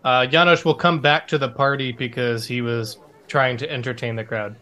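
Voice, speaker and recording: A man's voice: mid-range voice, fairly even intonation, moderate pace, sharp tone. A man playing a tabletop role-playing game, sounding eager and a little tentative. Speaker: player. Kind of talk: casual tabletop game play.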